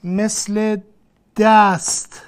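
The teacher here has a clean, mid-range voice with a level tone. Giving a classroom lesson, they explain patiently in steps, speak straight to the student, and repeat points.

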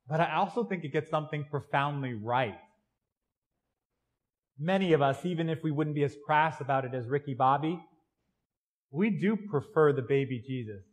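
A male priest delivers a sermon in a church. His voice sits on the higher side, and he talks in an easy, conversational way, often tagging lines with "right?". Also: low-quality recording.

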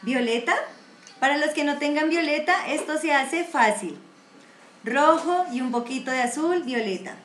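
A woman's voice: sits high, expressive, normal speed, a bit bright, roomy sound, a little hiss or hum. A woman with a Colombian accent teaching a live online watercolor class, chatty and encouraging, full of diminutives. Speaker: painting teacher. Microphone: computer mic on a video stream.

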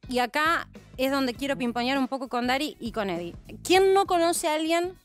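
A woman in her thirties with an Argentine Spanish accent hosts a studio news panel, explaining through rhetorical questions. Her voice is high-pitched with lively intonation at normal speed, and faint music plays behind.

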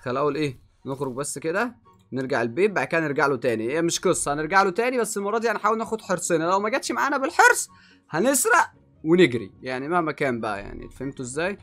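A young man with an Egyptian accent giving excitable let's play commentary, swinging from muttering to yelling. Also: fairly high pitch, racing, faint music behind. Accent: Egyptian Arabic. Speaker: gaming YouTuber.

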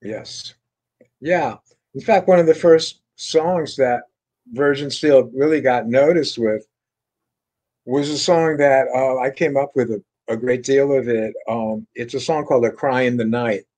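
On a video call from a book-lined room, an older man from France who plays guitar shares stories as an interview guest. His mid-range voice runs a little slow, and his easygoing, wandering delivery is peppered with fillers and restarts in a casual interview storytelling style.

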